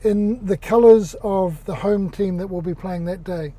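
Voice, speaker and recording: This man's New Zealand accent comes through in a fairly high, mellow voice. Unhurried and halting like an older executive, he fills his answers with restarts and fillers. He seems at ease as a guest in a casual interview.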